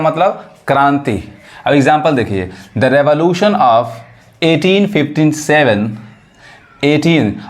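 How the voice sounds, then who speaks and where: A man with an Indian accent teaching English vocabulary, repeating each word and asking rhetorical questions as he explains. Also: a little high. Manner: repeats words and asks the class rhetorical questions. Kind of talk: explaining vocabulary to Hindi-speaking learners.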